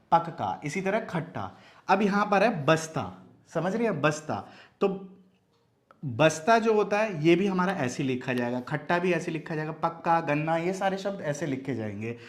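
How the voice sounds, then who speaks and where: A man teaching Hindi spelling who keeps asking rhetorical questions to his students. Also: fairly high pitch. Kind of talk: classroom explanation.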